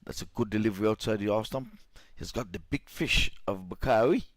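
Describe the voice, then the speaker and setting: Low-voiced male cricket commentator, dry sound. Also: a little fast, dry recording. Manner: rises sharply in pitch and volume at big moments. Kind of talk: live sports commentary.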